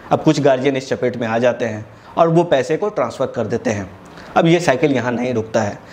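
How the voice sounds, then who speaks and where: A man with an Indian accent narrates an educational tech tutorial, walking through each step and mixing in English terms. His voice is medium in pitch with a somewhat dark tone.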